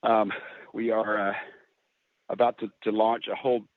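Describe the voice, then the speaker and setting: A man's voice: on the low side, flat delivery, normal speed, dry recording. A man speaking as a guest musician in a casual podcast interview, talking earnestly and emotionally, often laughing and restarting his sentences. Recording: tinny phone-like line, dry.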